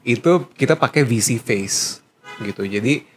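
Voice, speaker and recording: A young man, one of the creators of an animated series, explaining their process in a relaxed, casual Q&A chat with many fillers. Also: mid-range voice, unhurried, soft background music.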